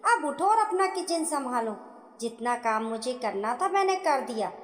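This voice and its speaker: A harsh middle-aged mother-in-law barks orders in a high, sharp, irritated voice, as a woman narrator puts her on. Her pitch leaps about as she scolds, and the sound rings in an echoey room with a long reverb tail. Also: big pitch swings, normal speed. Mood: scolding.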